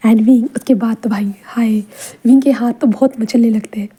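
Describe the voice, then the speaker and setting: Whispered role-play narrator: woman, very mellow, husky breathy tone. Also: on the high side, steady tone, moderate pace. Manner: casual whispered narration mixing Hindi and English. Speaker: storyteller.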